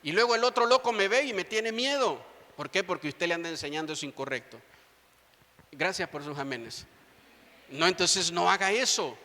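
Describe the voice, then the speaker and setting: A man's voice: high voice, lively intonation, normal speed, bright, forceful tone. A man in his thirties preaching a sermon as pastor, appealing directly to his congregation with rising fervor. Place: large church hall. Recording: long church reverb.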